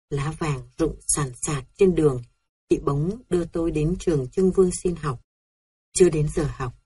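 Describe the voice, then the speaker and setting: A woman narrating a memoir in a steady, reflective manner. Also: low-pitched, slightly rough, no room sound.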